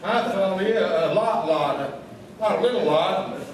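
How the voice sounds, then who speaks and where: In a comic radio double act, a man plays a daft, folksy small-town sidekick who rambles on obtusely and seems amiably muddled. His voice sits high and slow. He sounds distant on a very echoey stage, with an audience behind.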